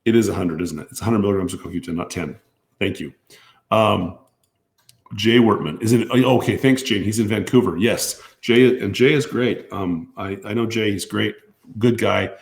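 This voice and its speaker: A very low-pitched man with a gravelly, hoarse voice, strained by allergies. He answers viewer questions on a live stream as a doctor. He talks hesitantly, stops and restarts, and leans on fillers. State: losing his voice from allergies.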